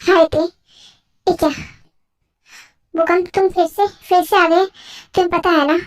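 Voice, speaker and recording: A woman's voice: very high voice, level tone, unhurried, rough recording. A woman voicing every part of a homemade fan dub drama in a plain conversational way. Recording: faint music behind.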